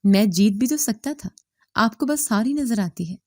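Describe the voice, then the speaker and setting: A woman voicing a defiant, careless young man in a spoken story, answering back in a shouting, reckless manner. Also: on the high side, expressive, no room sound, clean studio sound.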